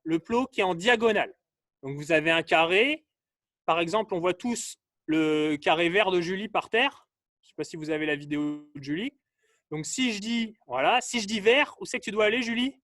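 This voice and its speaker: High-voiced man calling workout drills. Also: fairly bright tone, dry recording, studio quality. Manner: calls out drills and colors in short bursts, urging participants faster. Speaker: fitness coach. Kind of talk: live online workout class.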